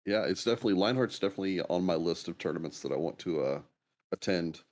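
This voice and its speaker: A male co-commentator chats casually and modestly, with the odd hesitation. His voice is extremely deep. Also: fast talker. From United States. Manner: relaxed, modest, with fillers.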